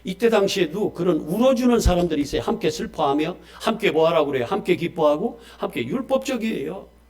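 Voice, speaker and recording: A man preaching a Sunday morning sermon with a fairly high voice. He swings from loud, emphatic declarations to quiet, low asides. He keeps putting questions to the congregation and calling for amens. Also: lively intonation, fairly quick. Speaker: pastor.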